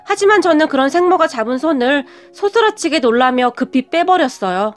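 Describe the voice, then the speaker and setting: A woman reading a scripted first-person story in an even, measured way. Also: high voice, soft background music. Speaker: narrator.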